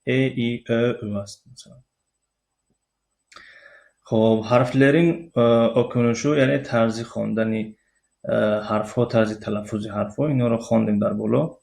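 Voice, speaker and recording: Gravelly Tajik-accented male language teacher. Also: medium pitch, darkish tone. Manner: explains slowly with many pauses and fillers, spells out letters. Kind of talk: recorded video lesson.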